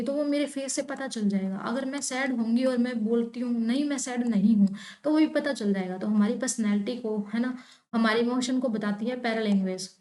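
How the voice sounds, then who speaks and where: A young woman teaching exam questions, stressing key words with a tone that rises and falls. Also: a little high. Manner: expressive, stresses words with rising and falling tone. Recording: echoey room.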